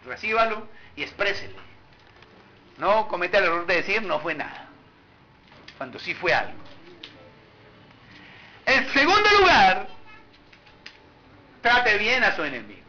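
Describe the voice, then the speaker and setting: High, animated bright-voiced preacher. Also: male voice, a little slow, long pauses. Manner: animated preaching, rhetorical questions to the congregation. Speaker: pastor. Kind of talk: sermon. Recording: muffled recording with faint background noise.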